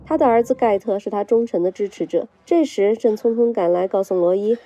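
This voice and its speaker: Mellow-voiced woman narrating a film recap. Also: mid-range voice, dull audio. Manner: brisk storytelling delivery. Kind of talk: scripted narration.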